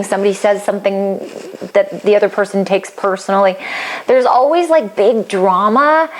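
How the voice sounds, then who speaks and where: A middle-aged woman explaining a relationship compatibility report in a chatty, animated way, acting out quoted reactions and laughing lightly. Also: medium pitch. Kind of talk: casual explainer talk.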